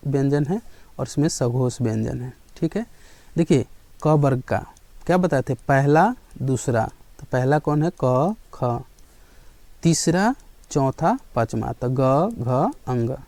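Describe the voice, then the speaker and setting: A male teacher giving a grammar lesson in a classroom style, often pausing to check in and asking questions that he then answers himself. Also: a little high, mellow, no room sound. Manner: checks in with students again and again, asks and answers his own questions.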